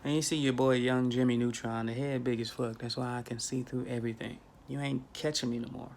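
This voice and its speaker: With a steady, darkish mid-range tone and a brisk pace, a man in his thirties addresses his phone camera from arm's length in a small bedroom. As a spiritual vlogger, he's casual but preachy, hammering points home through repetition. Faint background noise lingers.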